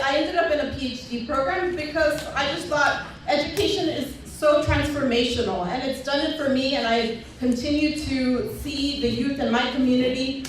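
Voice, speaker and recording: Young woman trustee, high voice, far off in a big echoey hall. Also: slight background noise. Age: young adult. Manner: proud, upbeat self-introduction. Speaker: school board trustee on a panel. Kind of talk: public panel remarks. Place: large community center hall.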